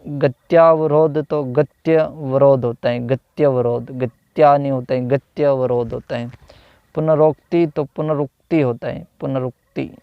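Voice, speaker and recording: A man teaching a grammar lesson, slowly reading out words and their corrected forms, with hesitant fillers and self-corrections. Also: medium pitch, steady tone, smooth, dry recording. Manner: slow, repeats each corrected word with "तो ... होता है". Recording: dull, slightly lo-fi dry recording.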